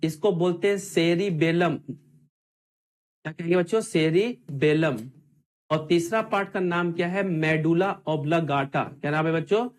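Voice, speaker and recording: A man's voice: fairly high pitch, steady tone, normal speed, hardly any pauses. A man teaching an online exam-prep class, asking his students the same questions again and again in call-and-response drills.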